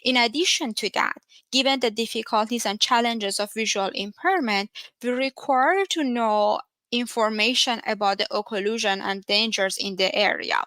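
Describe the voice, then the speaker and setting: A woman's voice: a little high, moderate pace, bright, forceful tone, dry recording. A woman from Iran with an Iranian accent, a research scientist giving an earnest technical talk at a virtual developer event, with frequent fillers. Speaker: conference speaker, research scientist. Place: home, via video call.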